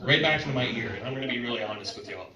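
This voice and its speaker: A young man performing a stand-up comedy set, telling stories in a loud, playful way with sudden tic outbursts. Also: mid-range voice, racing, lo-fi sound. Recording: echoey club, mic heard from a distance, noisy crowd.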